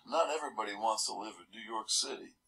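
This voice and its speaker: A man's voice: lowish voice, fast talker, creaky, bright, forceful tone, low-quality recording. A man reading a children's storybook aloud, adding casual, chuckling comments between pages. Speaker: storybook reader.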